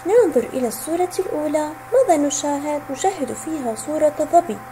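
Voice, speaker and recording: A woman teacher with a high, warm, mellow voice that swings up and down a lot. She speaks slowly and sounds out each letter and word for small children. A faint hum runs under the recording. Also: animated, poor audio. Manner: slow, clearly sounding out letters and words; asks questions, then answers them herself. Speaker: kindergarten teacher.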